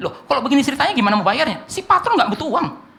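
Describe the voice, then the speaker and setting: A man preaching a sermon with an Indonesian accent, swinging from hushed asides to shouts and often addressing the congregation. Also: extremely high pitch, sing-song, rapid-fire, vocal fry. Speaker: pastor.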